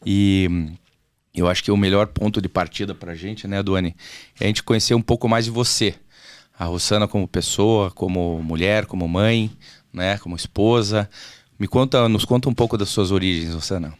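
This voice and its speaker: A man hosting a business podcast interview, chatty and quick with short affirmations. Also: lowish voice, no room sound, studio quality. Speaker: podcast host. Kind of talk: casual interview chat.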